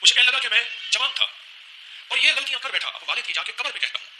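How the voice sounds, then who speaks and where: A man preaching a sermon, repeating phrases with feeling and slowly chanting prayers. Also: very high voice, expressive, pushed and bright, low-quality recording. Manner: emotional, repetitive preaching, slow chanted prayers. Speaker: religious speaker. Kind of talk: sermon with recitation.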